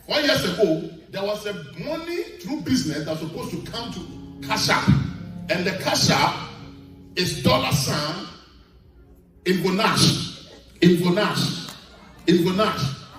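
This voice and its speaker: A man's voice: high voice, lively intonation, a bit bright, distant mic. A man ministering as a prophet before a congregation, commanding and questioning a woman about her family. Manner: commanding, quizzes a congregant in halting English. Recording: echoey hall, music and crowd.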